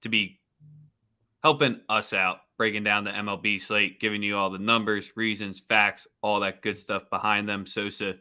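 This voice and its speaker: A man's voice: fairly low pitch, little pitch movement, normal speed, sharp tone, smooth. A man co-hosting a casual sports betting show, talking loosely with jokes and slang. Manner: loose, joking, slangy delivery. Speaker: podcast co-host.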